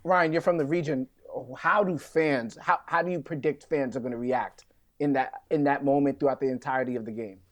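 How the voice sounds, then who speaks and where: A man's voice: medium pitch, fairly even intonation, fairly quick. A man hosting a sports podcast, asking his guests questions and stumbling over a few fillers. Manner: poses questions, hesitant with fillers. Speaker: podcast host, moderator. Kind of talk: casual podcast chat.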